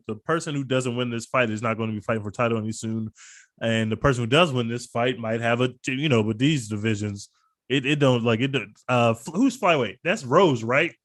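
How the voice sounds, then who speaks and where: This podcast co-host has a medium-pitched, fairly bright voice. He keeps things laid-back and slangy while talking fight picks, laughing often in what amounts to casual sports betting chat.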